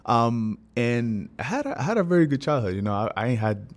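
A man's voice: medium pitch, brisk. A man in his twenties from Honduras, a podcast guest talking casually and loosely with lots of fillers. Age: 20s. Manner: relaxed slangy talk with many fillers. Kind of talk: casual interview chat.

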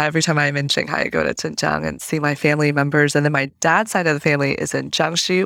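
A gravelly, low-pitched, slightly bright female voice comes through clean studio sound without echo. The speaker, in her early thirties and from Colorado in the US, chats casually as a podcast interview guest, with light laughter between thoughts.

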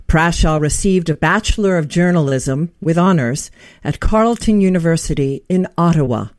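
A woman's voice: deep voice, darkish tone, no echo, clean studio sound. Earnest woman hosting an interview. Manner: earnest, heartfelt, with small restarts. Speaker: podcast host. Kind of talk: interview show.

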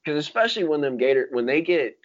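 A man's voice: on the high side, big pitch swings, quick pace, slight background noise. A man telling stories in casual chat, with slangy talk full of dude, like and freaking. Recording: dull lo-fi sound.

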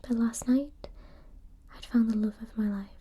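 A woman reading a novel aloud in a breathy, mostly unvoiced ASMR whisper. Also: on the high side, steady tone, moderate pace, warm tone.

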